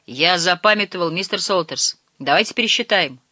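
A reader voicing a scrawny, meek fisherman who speaks quietly and timidly. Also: mid-range voice, expressive, fairly quick, dry recording, studio quality.

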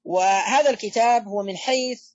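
A man giving an academic religious lecture, pausing often with drawn-out fillers and restarting his phrases. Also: high-pitched, no echo, highs cut off. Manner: halting delivery with frequent drawn-out fillers and restarts. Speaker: lecturer on hadith studies.

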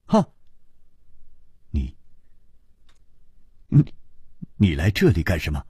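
A flustered young hero, stammering over his words, as a male storyteller plays him, his voice husky and swinging high and low. The sound is dry and close. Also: huge pitch swings, moderate pace, no room sound, full character voice.

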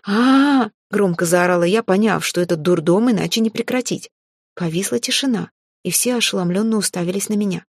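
A woman reading a first-person fantasy audiobook in a lively, expressive and wry way. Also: lowish voice, a little fast, breathy edge, no echo. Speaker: audiobook narrator. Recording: dry close recording.

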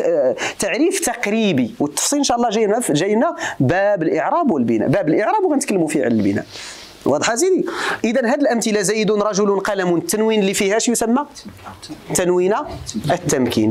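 A Moroccan man teaching grammar at a brisk clip. His voice swings widely up and down as he fires questions at the class and switches between formal exposition and casual asides. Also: sits high, darkish tone. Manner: quizzes students, mixing formal Arabic with colloquial asides. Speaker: religious teacher. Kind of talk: grammar lesson to students.

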